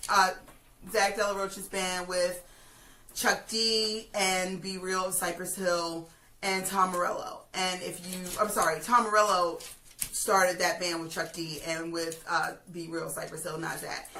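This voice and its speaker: A woman hosting a music review, chatting casually and giving opinions in an emphatic, halting way that repeats phrases. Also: on the low side, pushed and bright. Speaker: host of a music review video. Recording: roomy, distant mic, faint noise.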